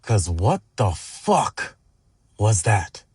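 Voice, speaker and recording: A man giving crude, sarcastic commentary that builds into loud outrage. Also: on the low side, big pitch swings, very slow, slightly rough, no echo, clean studio sound. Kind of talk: ranting commentary.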